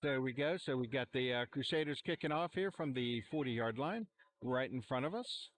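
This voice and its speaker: A man calling a high school football game, relaxed and rambling with plenty of fillers. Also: moderate pace, a little hiss or hum. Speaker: play-by-play commentator. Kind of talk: amateur sports commentary. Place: outdoor football stadium sideline. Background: cheering fans.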